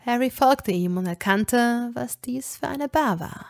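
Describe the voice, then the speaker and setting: Lady reading a fanfic out loud, super unhurried, even tone. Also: fairly high pitch, vocal fry. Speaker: audiobook reader. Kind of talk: reading fan fiction aloud.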